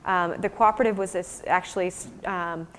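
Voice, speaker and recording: With a fairly low, fairly even voice at normal speed, an American woman researcher discusses her fieldwork and answers questions from listeners in a casual, explanatory manner. There's slight background noise and a long hall reverb.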